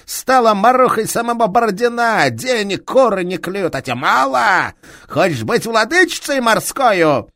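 A man's voice: sits high, very animated, moderate pace, sharp tone, no room sound, studio quality, pitched above the performer's own voice, full character voice. A man voicing a furious, brutal police detective who bellows threats in an audiobook. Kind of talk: audiobook character reading.

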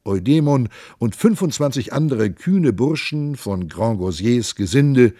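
A man reading a classic novel aloud as narrator, expressive and unhurried storytelling. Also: mid-range voice, no room sound, studio quality. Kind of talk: audiobook reading.

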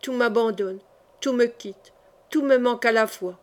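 A woman's voice: on the high side, moderate pace, lightly acted. A woman voicing a young king in an audiobook, urgent and grief-stricken as he gives orders and cries out. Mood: anguished. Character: young man, a desperate fleeing king. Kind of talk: audiobook character reading.

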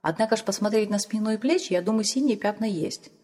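A woman's voice: medium pitch, fast, dark tone, close to an everyday voice. A woman voicing a sly, cowardly older village man who mutters indignantly to himself. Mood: grumbling. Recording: long hall reverb.

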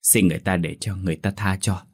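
A man's voice: deep voice, steady tone, fast talker, husky. A man voicing an outspoken, kind-hearted middle-aged village woman, scolding and exclaiming. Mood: sighing, resigned.

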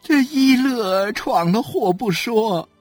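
An audiobook reader voicing a wronged mother who wails her grievances, sobbing and dragging out each phrase over soft music. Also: mid-range voice, lively intonation, dry recording, voice pushed up. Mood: wailing lament. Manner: sobbing, drawn-out lament. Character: wailing wronged mother, shrill and self-pitying. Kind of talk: audiobook character voice.

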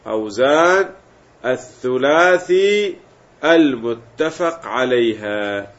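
A man's voice: medium pitch, lively intonation, slow, highs cut off. A man teaching a grammar lesson, explaining step by step and repeating word forms aloud. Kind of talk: classroom lesson.

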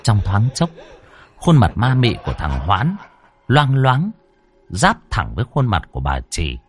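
Dramatic low-voiced male storyteller. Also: unhurried, faint music behind. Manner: dramatic, expressive reading. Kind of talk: scripted ghost story narration.

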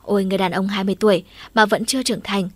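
A woman narrates a first-person audiobook story. Her reading is even and conversational, with a wistful touch and a middle pitch. The recording is dry and close. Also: very fast, dry recording.

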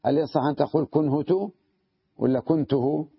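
Husky man teaching Arabic grammar. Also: fairly high pitch, expressive, no echo, lo-fi sound. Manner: explains patiently, checks understanding with repeated questions; sounds out wrong word forms slowly to contrast them. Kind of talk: classroom grammar lesson.

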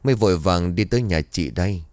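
A man voicing a calm old village exorcist who speaks in a hushed, authoritative way. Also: low voice, fast talker, no room sound, natural voice. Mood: grave.

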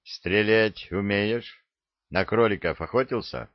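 A man's voice: lowish voice, slow pace, no room sound, highs cut off. A man voicing a tall, mocking male army drill sergeant who barks scornful orders at recruits in an audiobook. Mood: stern. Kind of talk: audiobook character voice.

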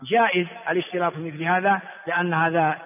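A man's voice: a little high, steady tone, quick pace. A man teaching a religious text in a classroom lecture, repeating words for students and asking rhetorical questions. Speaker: Islamic scholar teaching a hadith text. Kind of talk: classroom lecture on hadith and grammar. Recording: tinny phone-like echoey hall recording.

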